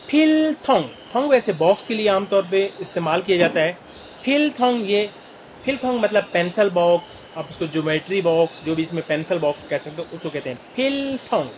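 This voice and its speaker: Pakistani guy with a high voice teaching korean words, breaks them into syllables, slight background hiss. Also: low-quality recording. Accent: Pakistani Urdu. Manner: spells words out slowly syllable by syllable. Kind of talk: vocabulary lesson.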